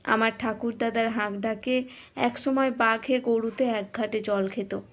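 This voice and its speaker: A woman voicing a loud, boastful, defiant village housewife in a spoken story. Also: a little high, fairly even intonation, measured pace. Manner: loud and boastful, cannot whisper.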